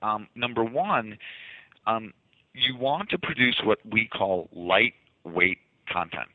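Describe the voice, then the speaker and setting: A man's voice: lowish voice, takes it slowly, no echo. Man, light boston accent, interview guest, eager explainer, tinny dry phone sound. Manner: enthusiastic, explanatory, repeats words when restarting. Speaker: guest, marketing agency owner. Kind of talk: casual interview talk. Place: office.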